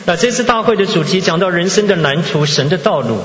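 A man preaching earnestly in short, emphatic phrases, leaving pauses for an interpreter. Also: high-pitched, animated, fairly bright tone. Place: large conference hall. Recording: muffled, echoey large hall PA.

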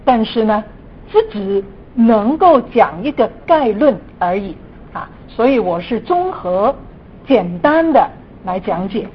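A woman's voice: expressive, slow. Woman with Cantonese-accented Mandarin, muffled noisy recording. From Guangdong, China. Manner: frequent sentence particles, mixes in English terms. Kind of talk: church teaching lecture. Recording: dull lo-fi room recording, audible noise, rumble.

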